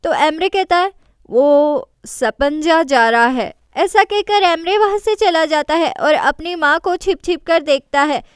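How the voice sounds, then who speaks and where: High-voiced woman narrating a drama recap. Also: fairly even intonation, normal speed, few pauses, no room sound, clean studio sound. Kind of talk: storytelling recap voicing all characters.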